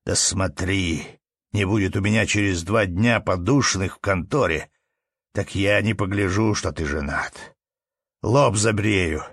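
A man's voice: sits low, a little slow, a bit bright, no room sound, clean studio sound, full character voice. A man reading an audiobook and voicing an arrogant, bullying estate steward who scolds and threatens in a contemptuous tone. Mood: scolding.

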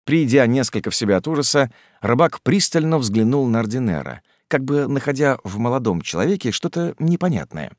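A man narrating an audiobook in an expressive storytelling manner. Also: mid-range voice, brisk, few pauses, dry recording, studio quality. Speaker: audiobook reader. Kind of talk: scripted narration.

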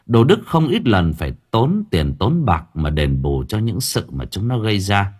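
A man narrating an audiobook story in an expressive storytelling manner. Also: lowish voice, moderate pace, husky. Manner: expressive, swinging voice for drama.

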